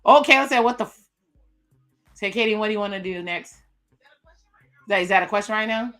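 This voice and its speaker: A woman's voice: medium pitch, steady tone, fairly quick, fairly bright tone, faint music behind. A woman hosting a live reaction stream, casually recapping and commenting on a dating show. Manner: casual, recaps what cast members say, chatty asides. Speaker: reaction video host.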